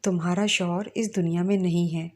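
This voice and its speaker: A woman voicing a calm, gentle man in a spoken story, measured and unhurried in her own voice. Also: on the low side, natural voice.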